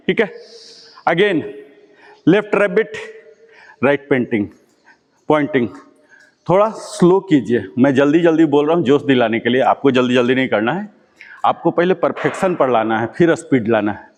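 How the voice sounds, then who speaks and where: A man's voice: a little high, long reverb tail. A man leading a live brain-exercise class, patiently coaxing and repeating cues. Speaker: exercise instructor.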